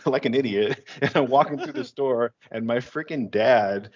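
Husky and mid-range, this Western New York man in his thirties speaks at a moderate pace as a podcast co-host. He rambles through a casual story, laughing often and restarting himself, on a dull lo-fi recording.

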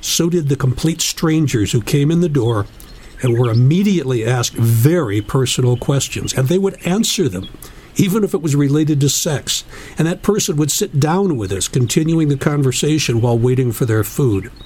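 A man reading a written tribute aloud as narrator, in a measured, solemn storytelling manner. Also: medium pitch, expressive, a little mellow, slight background noise.

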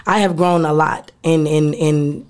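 A woman's voice: sits low, fairly even intonation, a little slow, smooth. Candid woman rapper in her thirties. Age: 30s. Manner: candid, emphatic, peppered with "you know what I'm saying". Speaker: rapper and singer, interview guest. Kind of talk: casual interview talk.

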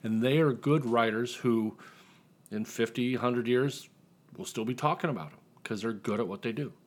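A tipsy American man from Indiana, appearing as an author guest, chats casually, rambling, self-deprecating and profane. His voice is medium-pitched at a moderate pace.

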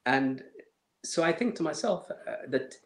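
A man telling a painful personal story in an interview, measured and emotional, with many fillers and restarts. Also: on the high side, lively intonation, echoey room, rough recording. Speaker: interview guest.

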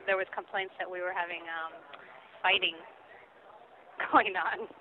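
A woman's voice: on the low side, fairly even intonation, unhurried. A woman who works as a store manager, heard over the phone, talking in a polite and puzzled way and asking questions. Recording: muffled phone line.

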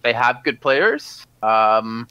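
A man's voice: mid-range voice, very animated, takes it slowly, pushed and bright, smooth, no room sound, low-quality recording. A man co-hosting a casual panel podcast, blunt and opinionated, arguing his points. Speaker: podcast co-host.

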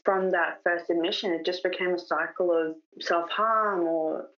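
A woman's voice: lowish voice, steady tone, moderate pace, distant mic, dull audio. A young woman from Australia, an interview guest, candidly telling her personal story in a rambling way, full of "like" fillers.

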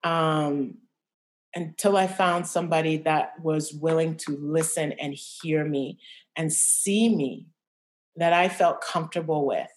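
Podcast guest: young woman, lowish voice, halting and reflective, frequent restarts. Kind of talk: candid personal interview.

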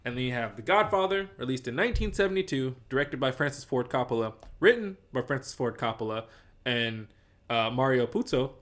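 A man's voice: mid-range voice, expressive, fairly quick, fairly bright tone. A man co-hosting a casual movie podcast, rambling and swearing freely as he weighs up films. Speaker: podcast co-host. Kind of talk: casual movie bracket chat.

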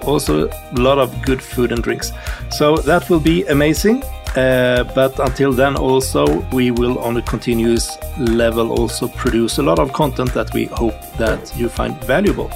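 Gravelly-voiced upbeat podcast host. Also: male voice, mid-range voice, normal speed, music in the background. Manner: upbeat, laughing often, playful. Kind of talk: podcast hosting.

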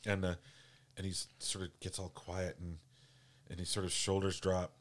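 Low-voiced man telling a halting story. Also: level tone. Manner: halting, full of restarts and fillers. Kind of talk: casual storytelling chat.

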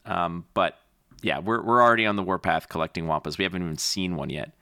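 A man's voice: low voice, fast, pushed and bright, smooth, no echo, clean studio sound. A man co-hosting a podcast about a card game, chatting in an upbeat, rambling way with lots of fillers. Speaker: podcast co-host. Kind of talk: casual chat.

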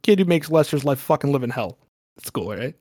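A man's voice: mid-range voice, animated, fairly quick, warm tone, no room sound. Man, game master, horror tabletop game, rambling, profane, dry close-miked sound.

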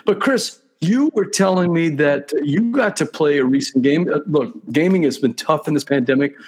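A man's voice: a little high, expressive, moderate pace, darkish tone, breathy edge. A man hosting a live talk show in a chatty, casual style, speaking straight to his viewers.

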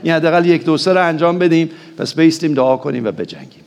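A man's voice: on the high side, animated, a little mellow. A man from Iran, a pastor, preaching and praying in a commanding, impassioned way, repeating phrases for emphasis. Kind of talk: sermon with fervent prayer. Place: church hall. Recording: long church hall reverb.

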